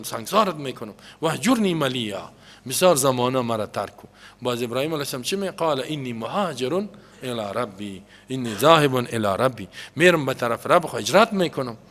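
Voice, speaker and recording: A man with a Tajik accent giving a religious lesson, explaining quoted Arabic texts in an animated way. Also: medium pitch, big-room sound. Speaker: religious teacher. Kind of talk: hadith lesson.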